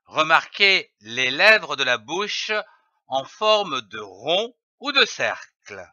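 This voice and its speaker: A man giving a slow reading lesson for young children. He spells out letters one by one and then says each syllable and word clearly. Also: on the high side, big pitch swings, sharp tone, no echo, lo-fi sound. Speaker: reading teacher.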